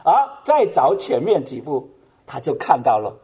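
A man's voice: medium pitch, huge pitch swings, measured pace, warm tone, slightly rough. A man preaching, telling a story dramatically with frequent exclamations. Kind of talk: sermon storytelling.

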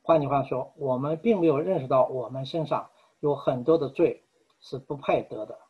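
A man delivers a sermon in an earnest, unhurried manner, with frequent pauses. His voice is slightly husky and sits at an ordinary pitch. The recording sounds dull and lo-fi. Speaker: preacher.

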